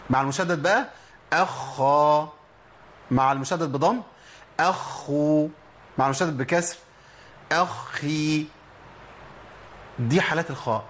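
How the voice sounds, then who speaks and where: Fast-talking Egyptian tajweed teacher. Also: male voice, fairly high pitch, fairly bright tone, slight background noise. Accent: Egyptian Arabic. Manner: asks himself questions and answers them; demonstrates letter sounds. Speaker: Quran recitation teacher. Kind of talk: tajweed lesson.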